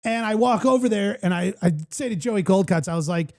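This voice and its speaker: A man's voice: sits high, brisk. A man hosting a casual podcast chat, telling stories with lots of energy and acting out the voices of other people. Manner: animated storyteller, acts out voices. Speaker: podcast host.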